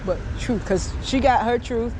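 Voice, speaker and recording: A man's voice: extremely high pitch, a little slow. A male street preacher debating outdoors, insistently pressing the other person with repeated questions and assertions. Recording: noisy outdoor street, traffic behind.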